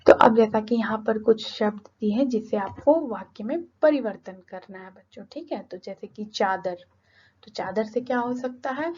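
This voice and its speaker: A woman's voice: fairly high pitch, moderate pace, a little mellow, husky. Woman teacher explaining a lesson, muffled. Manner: reads a passage aloud, then explains it in simple words; keeps checking in with "ठीक है?" and "है ना". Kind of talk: explaining a Hindi lesson to children. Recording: slightly muffled lo-fi sound.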